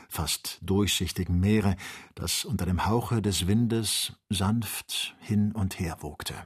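Low, husky male audiobook narrator. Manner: even, measured reading of a classic novel. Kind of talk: scripted narration.

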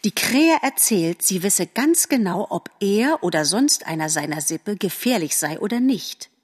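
A woman's voice: medium pitch, expressive, a little slow, breathy edge, big-room sound. A woman reading an audiobook aloud, voicing a polite, shy young male forest animal who speaks a little hesitantly. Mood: earnest.

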